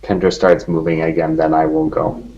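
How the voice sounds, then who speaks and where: A man's voice: rumbling low, level tone, moderate pace, mellow, lo-fi sound. A man talking casually as a player in a tabletop role-playing game.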